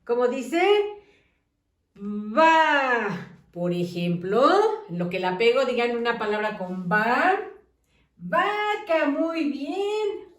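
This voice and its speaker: A woman teacher leading a children's phonics lesson, drawing out syllables in a slow, sing-song way and praising often. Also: on the high side, animated, reverberant, far from the mic.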